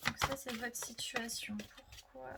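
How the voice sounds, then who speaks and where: A woman giving a casual tarot reading, thinking aloud with many fillers and soft murmurs to herself as she draws cards. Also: fairly high pitch, flat delivery, measured pace, gravelly, heavy background noise. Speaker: tarot reader.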